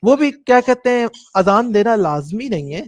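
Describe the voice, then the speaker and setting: A man's voice: high voice, lively intonation, a little mellow. A man teaching a classroom lesson on prayer rules, explaining step by step and demonstrating recitation, with a Pakistani Urdu accent. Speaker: religious teacher.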